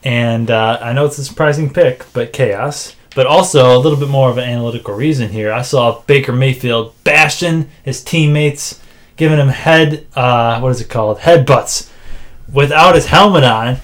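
A man co-hosting a casual sports podcast, making game picks in a dry, self-described monotone with frequent filler words. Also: mid-range voice, moderate pace. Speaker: podcast co-host.

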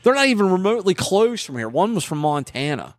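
A man hosting a casual chat, animated and opinionated, quick to scoff at claims he thinks are wrong. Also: sits high, no echo. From West Virginia. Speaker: podcast host.

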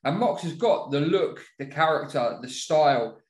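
A man's voice: a little high, lively intonation, normal speed, a little mellow. Echoey, rambling British man chatting. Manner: sweary, rambling, often checking he is understood. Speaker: wrestling podcast co-host. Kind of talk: casual chat. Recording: echoey room.

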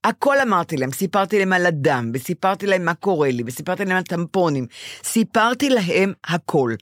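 An older woman talks in a bright, animated way, her pitch swinging widely as she acts out her own past words. Her voice is close and dry, with no room sound around it. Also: dry recording. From Israel. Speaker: podcast co-host. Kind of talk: casual chat.

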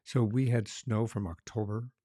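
A man's voice: lowish voice, fairly even intonation, moderate pace, dark tone, no room sound, studio quality. A man from Colorado, a former police officer, hosting a casual interview and rambling with restarts and chuckles. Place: Arizona.

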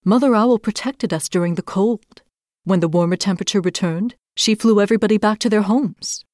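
A woman voicing a calm, protective mother mouse who speaks in a composed, firm way. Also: medium pitch, a little fast, dry recording, studio quality, lightly acted.

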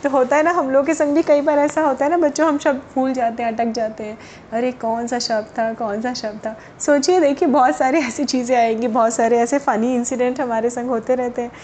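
Lady telling kids a story, lively and chatty, kinda high voice, faint hum behind. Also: fairly quick, hardly any pauses. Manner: lively, addresses children directly. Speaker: children's storyteller. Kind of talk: storytelling for children.

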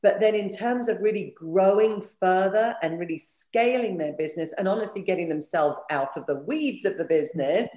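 Croaky-voiced woman in an echoey room. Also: mid-range voice, moderate pace, hardly any pauses, dark tone. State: croaky morning voice. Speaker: business coach, guest. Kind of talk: conversational interview answers. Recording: roomy, echoey sound.

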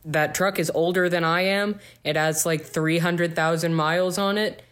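A man co-hosting a podcast, telling work stories in a wry, deadpan way during casual chat. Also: a little high, moderate pace. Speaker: podcast co-host.

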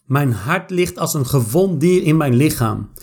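A pastor praying fervently, with insistent, repeated declarations between scripture verses. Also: male voice, on the high side, expressive, unhurried, darkish tone, husky. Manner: repetitive, insistent declarations of prayer. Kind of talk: fervent spoken prayer with scripture reading.

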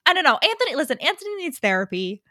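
Young woman, fairly high voice, animated chatty podcast talk, laughs a lot, dry close sound. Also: quick pace, dry recording. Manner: animated, laughs often, many likes. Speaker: podcast co-host. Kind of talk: casual book chat.

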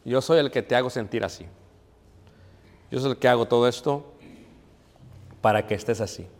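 A preacher voices the devil, a sly male tempter who murmurs low and hushed into a man's ear. The voice stays quiet and insinuating. A long hall reverb trails every word. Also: moderate pace, natural voice. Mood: sinister.

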